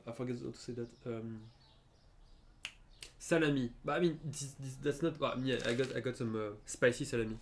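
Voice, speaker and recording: A young man with a French accent chats loosely as he streams a game, stopping and restarting his sentences and filling gaps with little sounds. His voice sits at an ordinary middle pitch, and a faint hiss runs under it. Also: a little fast, few pauses. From France. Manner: chatty, hesitant, lots of fillers and restarts. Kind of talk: casual gaming chat.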